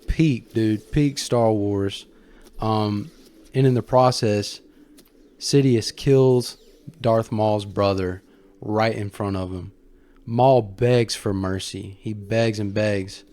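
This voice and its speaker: A man's voice: fairly low pitch, a little mellow. A man giving casual, colloquial fan commentary as he tells a story, leaning hard on his key points.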